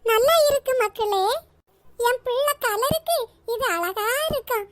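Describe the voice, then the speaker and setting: A woman's voice: very high-pitched, expressive, unhurried, a little hiss or hum. A woman voicing a doting old grandmother in a cartoon, fond and teasing, chuckling as she talks. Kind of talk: cartoon voice acting.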